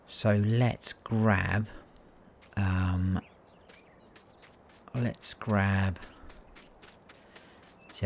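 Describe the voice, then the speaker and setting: A gaming channel host with a low-pitched, darkish voice gives casual commentary on a farming game series. He's chatty, thinks aloud as he plays, and changes his mind mid-sentence.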